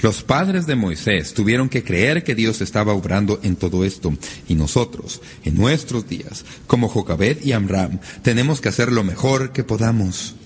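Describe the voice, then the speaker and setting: A man with a fairly low voice delivers a sermon, his pitch rising and falling in a lively, animated way. He leans hard on key words with sudden upward leaps. A faint noise sits under the recording. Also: normal speed. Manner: lively, emphatic preaching with sudden rises in pitch. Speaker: pastor.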